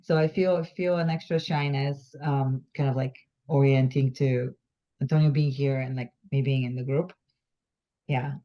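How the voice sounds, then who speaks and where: Woman sharing in a group, hesitant, lots of likes and ums, low mellow voice. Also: steady tone, normal speed. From Bulgaria. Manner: hesitant, many fillers, self-reflective. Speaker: workshop participant. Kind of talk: casual sharing in a group session.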